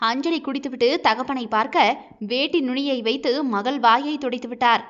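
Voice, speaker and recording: A woman narrating a romance audio novel in a measured, literary reading style, in a dull lo-fi recording. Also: high-pitched, a bit bright. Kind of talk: scripted storybook narration.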